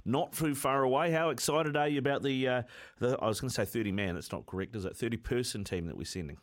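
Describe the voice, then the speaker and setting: A man's voice: mid-range voice, quick pace. A man with a New Zealand accent hosting a casual sports interview, matey and rambling in his questions. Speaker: radio sports host.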